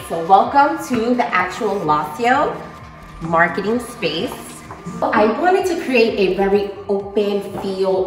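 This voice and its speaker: A woman's voice: fairly low pitch, far from the mic. A middle-aged woman giving an enthusiastic, informal walking tour as a business owner, her voice echoing in a big warehouse space. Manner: enthusiastic, presenting on her feet while walking. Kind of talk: informal walk-through video tour narration. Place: large indoor warehouse and open office. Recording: echoey warehouse, voice away from mic.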